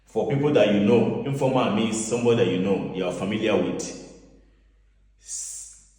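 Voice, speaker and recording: A man's voice: lowish voice, normal speed, warm tone. A man teaching a beginners' language lesson, repeating words and asking the listener questions. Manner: repetitive, asks the listener questions. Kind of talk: classroom-style lesson. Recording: roomy echoing hall, mic far off.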